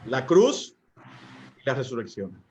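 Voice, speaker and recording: A Dominican man, a priest, teaching couples in a talk, often pausing with fillers and asking his listeners rhetorical questions. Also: mid-range voice, very animated, a little mellow, highs cut off, slight background noise. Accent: Dominican Spanish. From Dominican Republic. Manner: asks the audience rhetorical questions, hesitates with fillers.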